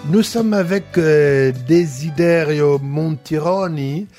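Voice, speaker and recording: A man hosting a casual interview, relaxed and using many fillers. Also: a little high, takes it slowly, soft background music.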